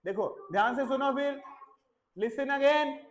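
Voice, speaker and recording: In a village school classroom, a woman with a high-sitting voice teaches children at a slow pace, patiently repeating words to drill their pronunciation. She mixes English phrases into her Hindi, and the audio quality is poor.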